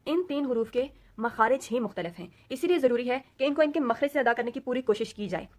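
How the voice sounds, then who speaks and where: A woman teacher with a fairly high voice leads a recorded Quran reading lesson. She explains slowly and patiently, dropping English words into her teaching. She repeats each letter sound again and again so learners can copy it. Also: lively intonation, darkish tone.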